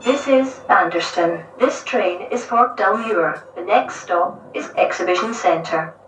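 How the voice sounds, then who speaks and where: A woman's voice: mid-range voice, over music. Woman's announcement over a train intercom. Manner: even, measured, formal. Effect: played over the train's intercom. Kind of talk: recorded station announcements. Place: inside a moving train carriage. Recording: echoey onboard speaker heard from a distance.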